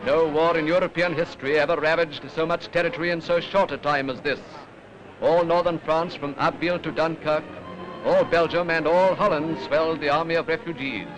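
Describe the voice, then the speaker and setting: A man's voice: fairly high pitch, steady tone, a little fast, dull audio, over music. A British man narrating a 1940s newsreel in a formal, declamatory manner, on an old film soundtrack. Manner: formal, rhetorical, declamatory delivery.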